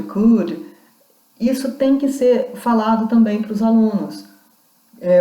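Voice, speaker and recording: Woman lecturing with a mellow voice. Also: medium pitch, roomy sound. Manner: explanatory, reads out quoted accounts, many restarts. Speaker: university lecturer. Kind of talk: recorded online lecture.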